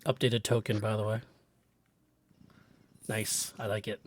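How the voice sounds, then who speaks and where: A man joking around in a tabletop game, talking slowly and easily. A faint noise hums behind his voice. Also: fairly low pitch, flat delivery. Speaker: player. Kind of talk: casual tabletop play.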